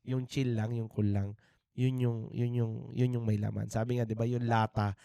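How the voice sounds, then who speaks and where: A man's voice: mid-range voice, little pitch movement, moderate pace, gravelly, mellow, smooth, no room sound, studio quality. A Filipino man in his thirties, co-hosting a podcast and sharing a candid faith testimony in an earnest, reflective way. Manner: earnest, reflective, with frequent restarts and fillers. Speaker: podcast co-host. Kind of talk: candid faith testimony, mixing Tagalog and English. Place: indoor podcast studio.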